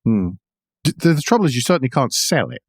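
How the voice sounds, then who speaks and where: A medium-pitched man, very animated and fast-talking with a breathy edge, co-hosts a motoring news podcast recorded with clean studio sound and no room sound. He shifts between reading out car news items and chatting with wry asides.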